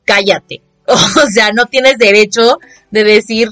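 A young woman with a Mexican Spanish accent, telling a casual vlog story in an expressive, dramatic way and mocking the people she quotes. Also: a little high, slow pace, faint music behind. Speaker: vlogger.

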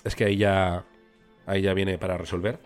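Lively young podcaster. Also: male voice, low voice, a little fast, faint music behind. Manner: animated storyteller, acts out voices. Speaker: podcast co-host. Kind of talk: casual chat.

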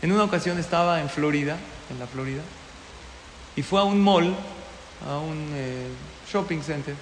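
A man giving a storytelling sermon, an animated teacher who keeps asking his listeners questions. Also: fairly high pitch, normal speed, a little hiss or hum. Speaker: religious teacher. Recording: echoey hall with long reverb.

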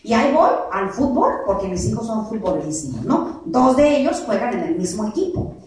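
A woman with a Mexican accent, a lay preacher giving an animated, joking retreat talk and telling stories straight to her audience. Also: on the high side, moderate pace, slight background noise. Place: large hall at a church center. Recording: echoey hall from far off.

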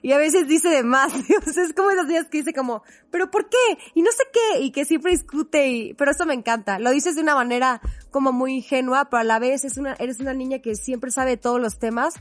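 A woman's voice: high voice, a little fast, no room sound. A young woman, co-hosting a podcast in an effusive, chatty way and laughing often. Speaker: podcast co-host. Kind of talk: casual chat.

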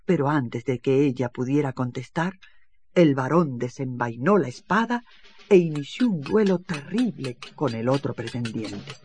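A storyteller giving an expressive reading of a children's fairy tale. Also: mid-range voice, measured pace, slightly rough. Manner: expressive, lively. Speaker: narrator. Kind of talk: storybook narration.

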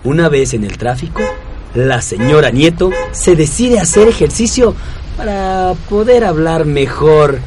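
A man's voice: on the high side, lively intonation, measured pace, music in the background. A man with a Mexican accent narrates a comic scripted story in a wry, self-correcting manner.

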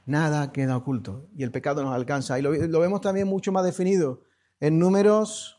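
Man, pastor, fairly high voice, sermon in church, drops low then surges loud, repeats phrases. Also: a little fast. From Spain. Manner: preaching with dramatic swings between hushed and loud; repeats key phrases for emphasis.

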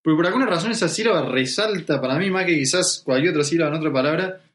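A young man with an Argentine accent in a casual podcast chat, agreeable and quick to chime in. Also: fairly high pitch, a bit bright. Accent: Argentine Spanish. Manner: agreeable, backchannels often. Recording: echoey room.

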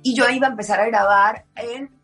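A woman's voice: on the high side, fairly even intonation, fairly quick, a bit bright, faint music behind. A Colombian woman in her thirties telling a personal story in a casual, emotional way, full of filler words.

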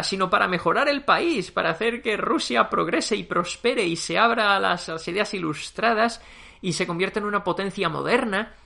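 A man reviews a TV series in a loose, chatty way and leans into sarcasm. His voice sits fairly high with a gravelly texture and a bright, forceful tone. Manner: lively, sarcastic, chatty with fillers. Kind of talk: casual spoken review.

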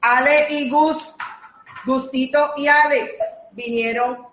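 A woman hosting a casual radio chat, teasing her guests with quick asides and joking apologies. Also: high-pitched, steady tone, fairly bright tone. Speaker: radio host. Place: station kitchen. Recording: roomy echo, faint background noise.

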